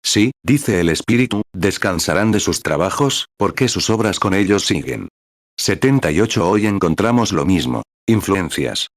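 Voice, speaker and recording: A man's voice: low-pitched, expressive, moderate pace, no room sound, clean studio sound. A man reading a translated sermon aloud in an earnest preaching manner, with numbered paragraphs and prayers.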